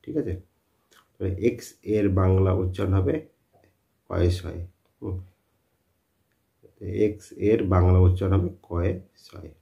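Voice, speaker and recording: A man's voice: sits low, a little slow, gravelly, long pauses. A man teaching a spoken lesson, who repeats his points and answers his own questions. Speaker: English teacher. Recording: dull lo-fi sound.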